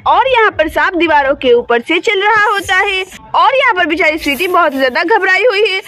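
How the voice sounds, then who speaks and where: Bright high-voiced woman storyteller. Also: lively intonation, normal speed. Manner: sympathetic, repetitive narration. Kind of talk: children's story narration.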